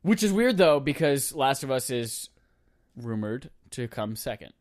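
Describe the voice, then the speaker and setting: A man's voice: mid-range voice, sing-song, a little slow. A man co-hosting a casual gaming podcast, joking and teasing his co-host. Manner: joking, teasing, does mock voices in quotes.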